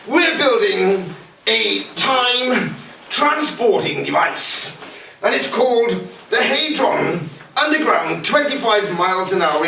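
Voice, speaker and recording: A man's voice: sits high, vocal fry. A man rambling through a crude mock-instructional comedy monologue, swearing a lot. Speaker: comic performer. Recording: echoey room, far mic, noisy.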